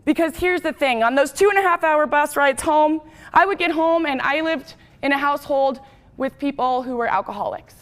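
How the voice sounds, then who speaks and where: Young woman from Wyoming, high voice, quick chatty testimony speaker. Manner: fast, lively, chatty. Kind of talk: personal testimony speech.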